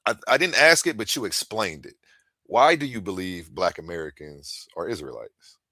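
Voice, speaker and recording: A man interviewing a guest in a relaxed way, correcting himself as he asks his questions. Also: sits low, moderate pace, dry recording. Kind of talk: casual interview.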